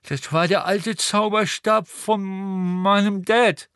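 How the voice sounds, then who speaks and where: A man reading an audiobook, voicing a clumsy but brave teenage boy with a bloodied nose who talks in a high, strained, slow and pleading way. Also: fairly even intonation, fairly bright tone, clear, resonant tone, dry recording, studio quality, full character voice. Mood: glum.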